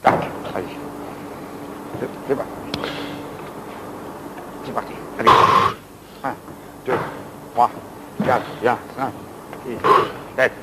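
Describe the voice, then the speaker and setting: A man coaching an exercise session indoors, giving brisk counted commands and encouragement. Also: mid-range voice, steady tone, very noisy. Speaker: fitness coach.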